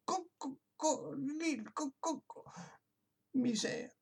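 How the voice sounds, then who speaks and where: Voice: mid-range voice, a little slow, a little mellow, voice pushed up, natural voice. A storyteller voicing a frightened little rooster who has lost his voice to a sore throat, whimpering and stammering. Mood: panicked.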